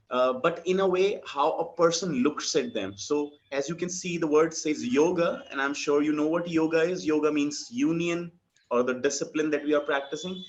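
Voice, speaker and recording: A man teaching yoga philosophy in an online class, explaining patiently and checking that his student follows. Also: a little high. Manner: patient, explains slowly with many checks for understanding. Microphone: video call. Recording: dull lo-fi video call audio with faint music.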